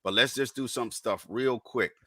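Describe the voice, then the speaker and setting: A man's voice: mid-range voice, moderate pace, sharp tone, no echo, clean studio sound. A man hosting and informally moderating a live stream, hesitant and often repeating his phrases.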